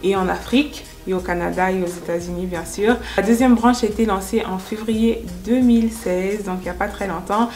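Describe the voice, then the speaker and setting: Born in France and raised in the United States, a woman in her twenties speaks earnestly and explanatorily in a first-person interview about her work as an entrepreneur and makeup artist. Her mid-range voice is brisk and darkish, with few pauses. Music plays beneath her voice.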